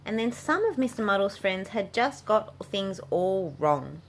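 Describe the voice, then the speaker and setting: A children's book reader who hosts her own channel narrates a picture book aloud for kids. Her medium-pitched voice swings widely in pitch at a measured pace, and the home recording is clearly noisy.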